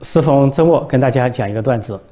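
A man's voice: mid-range voice, quick pace. A male commentator hosting a live-stream show, telling a joke in a storytelling manner. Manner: storytelling, animated. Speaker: political commentator host.

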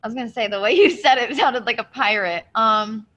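A woman's voice: on the high side, fairly quick, a bit bright. A woman guessing movie quotes in a casual chat, giggling and swearing casually. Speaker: quiz game player.

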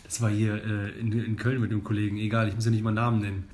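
A man's voice: fairly low pitch, little pitch movement, a little mellow. Hesitant young man on a casual podcast. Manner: halting, many fillers, searches for words. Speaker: podcast co-host.

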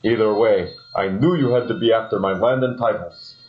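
A man's voice: fairly low pitch, moderate pace, lightly acted. Man playing a smug aristocratic husband on lo-fi audio. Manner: smooth, smug, theatrical. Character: suave, calculating aristocratic husband.

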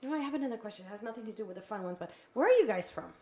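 Lively Mexican-accented woman, teasing. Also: medium pitch, very fast. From Juarez, Mexico. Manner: playful, teasing, laughs often. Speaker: podcast host. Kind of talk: casual group chat. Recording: echoey room.

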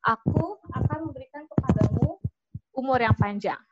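A woman's voice: high voice, expressive, normal speed, lo-fi sound, very noisy. A woman voicing a male Greek god who formally offers a poor farmer any wish, speaking in a solemn storybook way.

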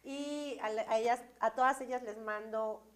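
A woman's voice: fairly high pitch, steady tone, moderate pace, a crowd in the background. A woman with a Mexican accent and a congested, nasal voice, chatting casually and expressively as an interview guest. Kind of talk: casual chat.

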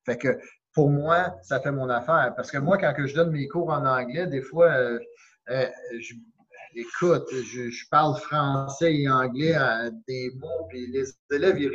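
A man with a Québécois French accent, a karate instructor chatting as an interview guest in a warm, encouraging way and slipping in English phrases. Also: medium pitch, a little slow, lo-fi sound. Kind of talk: casual interview chat.

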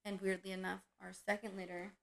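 Woman, casual chat, gravelly edge, animated storyteller, acts out voices. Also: mid-range voice, a little fast, poor audio. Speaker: dog breeder.

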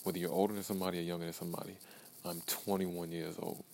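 Rapid-fire and level in tone, a man in his early twenties gives himself a blunt, profane podcast pep talk, repeating phrases for emphasis. His voice sits low, gravelly and darkish, over a little hiss or hum.

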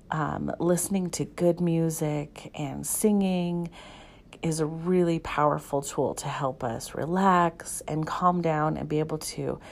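A woman talking calmly and earnestly to listeners, with occasional fillers. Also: sits low, gravelly. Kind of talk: casual talk to listeners.

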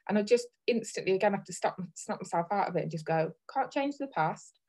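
A woman's voice: medium pitch, fast talker, warm tone, low-quality recording. Chatty woman podcast host. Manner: candid and chatty, laughs easily. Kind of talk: casual chat.

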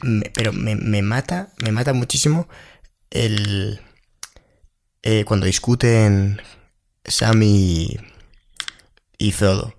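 A man co-hosting a casual podcast, rambling with restarts and animated retellings. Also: fairly low pitch, slow pace, gravelly, pauses often, a little hiss or hum. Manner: rambling, restarts and acted-out quotes. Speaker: podcast co-host. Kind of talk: casual chat.

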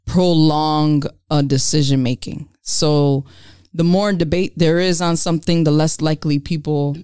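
A woman co-hosts a casual podcast, blunt and animated, swearing freely as she gives her take on the news. Her voice is smooth and clear, recorded close and dry. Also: sits low, a little slow, no room sound. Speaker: podcast co-host.

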